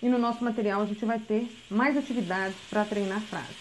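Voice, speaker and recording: A woman, a literacy teacher giving a recorded lesson and explaining patiently step by step, often checking in with a quick "tá?". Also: medium pitch, fairly even intonation, a little mellow, slight background noise, low-quality recording.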